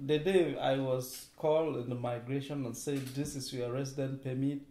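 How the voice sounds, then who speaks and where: A man's voice: medium pitch, steady tone, normal speed, mellow, echoey room, a little hiss or hum. A man from Cameroon, a project field worker, speaking reflectively in an interview.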